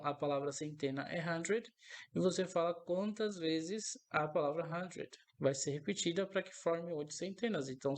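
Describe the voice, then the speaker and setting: Male teacher with a gravelly, fry-edged voice; patient, methodical delivery that repeats every example. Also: a little high. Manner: patient, repeats each example several times; explains step by step, often checks in with "né?". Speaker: English teacher. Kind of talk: recorded language lesson.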